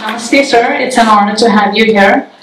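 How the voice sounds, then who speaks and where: A woman's voice: a little high, moderate pace, far from the mic, noisy background. A young woman, a graduate student from Nepal, asking a prepared question from the audience in an earnest, formal way. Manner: earnest, formal, with a few restarts. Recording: echoey hall, voice from off-mic.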